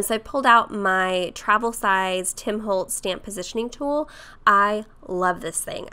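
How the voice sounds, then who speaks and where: Hoarse woman narrating a craft tutorial. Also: medium pitch. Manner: chatty, with fillers and soft laughs. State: hoarse from a cold. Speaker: craft vlogger. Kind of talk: casual voice-over tutorial.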